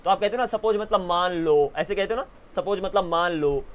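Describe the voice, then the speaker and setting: A man's voice: high voice, brisk. A young Indian man teaching a spoken English class, drilling students and switching between Hindi and English. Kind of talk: classroom lesson. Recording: faint background noise.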